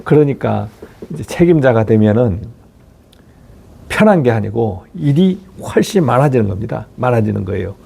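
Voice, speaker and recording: A man's voice: medium pitch, lively intonation, moderate pace, creaky, mellow, breathy edge. A middle-aged man who manages building facilities, giving blunt career advice to viewers with rhetorical questions and frequent swearing. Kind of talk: motivational talk to viewers.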